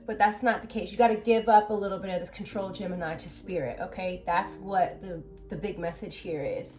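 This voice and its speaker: A woman's voice: on the low side, fairly even intonation, brisk, darkish tone, faint music behind. A woman giving a chatty tarot reading, talking straight to her viewers. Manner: chatty, addresses viewers directly. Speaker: tarot reader.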